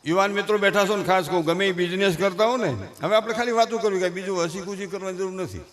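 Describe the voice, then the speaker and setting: High-voiced older Kathiyawadi Gujarati comedian. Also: male voice, fast talker, fairly bright tone. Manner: folksy, preachy, with rustic dialect. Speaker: folk comedian and speaker. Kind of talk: humorous stage talk with moral advice. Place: stage before a live audience.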